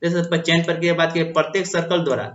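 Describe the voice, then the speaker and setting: A man with a slightly high voice walks through an official notice, going over each point again and padding it with fillers and restarts. The sound is dull and lo-fi, as if recorded with a cheap mic. The room around him is echoey. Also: flat delivery, fast, a bit bright. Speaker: explainer of a government notice. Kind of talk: casual explainer video reading out a notice.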